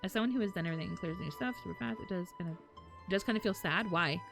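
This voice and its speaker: Her voice is low and creaky, and she talks quickly as she streams games and banters with her viewers. She's animated, lets the occasional swear slip, and chuckles mid-sentence, with game music and character lines faintly audible.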